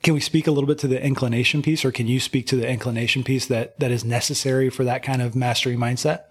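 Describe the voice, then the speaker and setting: A man's voice: mid-range voice, steady tone, fast talker, breathy edge. Brief: male coach co-host, casual and thoughtful talker, mid-range voice. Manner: thoughtful, uses "like" fillers. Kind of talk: casual chat.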